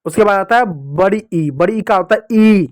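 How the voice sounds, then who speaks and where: Male teacher for small kids, high-pitched, slow repeated sounds, dry room. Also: dry recording. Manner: slow drawn-out syllables for children to repeat; addresses children fondly, repeating sounds. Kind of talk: children's Hindi lesson.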